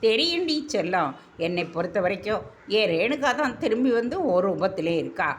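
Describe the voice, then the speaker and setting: A woman's voice: mid-range voice, big pitch swings, normal speed, a little hiss or hum, natural voice. A woman voicing a grieving elderly grandmother who is locked away, speaking in a tearful, pleading, affectionate way.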